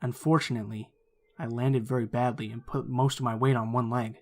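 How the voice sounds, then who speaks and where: A man reading a true scary story aloud as the channel's narrator, in a steady, measured storytelling delivery. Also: mid-range voice, slight background noise.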